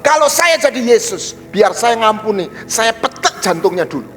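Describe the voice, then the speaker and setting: High, lively preaching man in a hall. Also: normal speed. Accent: East Javanese Indonesian. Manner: animated preaching, swings from low asides to loud high exclamations. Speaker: pastor. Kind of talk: sermon. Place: large church hall. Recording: live church sound with long hall reverb.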